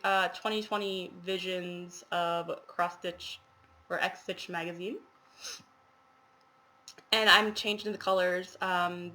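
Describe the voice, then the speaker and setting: This woman, a cross-stitch vlogger, has a stuffy cold and wanders through a relaxed show-and-tell of her stitching projects, full of filler words. Her mid-range voice comes across as pushed and bright.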